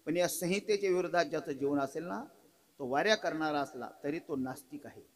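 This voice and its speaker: A man's voice: a little high, a little fast, faint music behind, rough recording. A middle-aged man with a Marathi accent preaching a devotional kirtan sermon. He tells a story and often puts questions to his listeners. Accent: Marathi, rural Maharashtra. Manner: emphatic, rising to loud exclamations, quizzes the audience.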